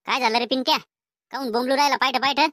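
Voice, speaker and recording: Cartoon role: a woman playing a nagging middle-aged mother with a Vidarbha Marathi accent, shrill, close and dry. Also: fairly even intonation, rapid-fire, pushed and bright, no echo. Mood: scolding. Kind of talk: cartoon comedy voice acting.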